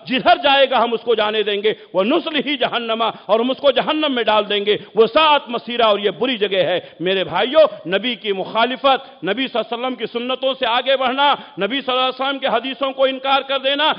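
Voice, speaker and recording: A man with a Hyderabadi Urdu accent preaching a sermon, asking rhetorical questions, repeating his points for emphasis and quickly chanting Arabic verses. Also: very high voice. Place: large mosque hall. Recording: dull echoing mosque hall recording.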